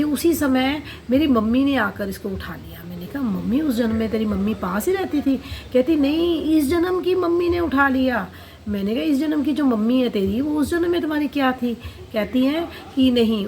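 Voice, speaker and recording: A woman's voice: fairly high pitch, darkish tone, poor audio. A woman therapist telling the story of a client's past-life regression session, quoting the client and herself in turns.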